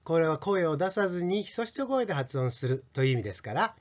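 A middle-aged man teaching pronunciation to children, stretching out each sound slowly as he demonstrates it, on a dull lo-fi recording. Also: on the high side, big pitch swings. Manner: slow, drawn-out sound demonstrations. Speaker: English teacher.

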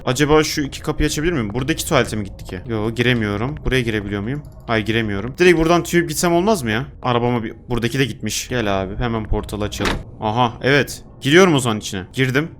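A young man giving let's play commentary, thinking aloud as he plays and reading game notes aloud, turning loud and frantic when chased. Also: medium pitch, slight background noise. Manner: talks to himself while playing, reads game notes aloud. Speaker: gaming YouTuber.

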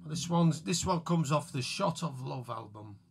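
A man's voice: a little high, lively intonation, normal speed, vocal fry, slightly rough, soft background music. A man chatting casually to live viewers between songs, rambling and self-mocking as he greets people by name. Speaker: musician hosting a live tribute stream.

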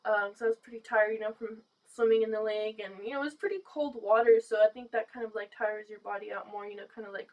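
A woman's voice: medium pitch, steady tone, fast, hardly any pauses. Giggly woman talking through a gas mask. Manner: chatty, many fillers, giggly. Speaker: vlogger. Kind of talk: casual rambling chat to camera. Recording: dull lo-fi sound.

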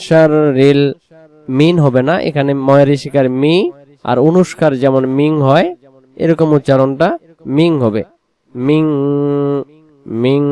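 A man teaching correct pronunciation word by word, drawing out slow syllables and repeating each word. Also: on the high side, a little mellow, smooth. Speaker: Quran recitation teacher.

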